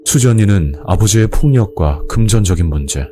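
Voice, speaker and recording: A man's voice: on the low side, expressive, fairly quick, dark tone, faint music behind. A man narrating a scripted first-person horror story.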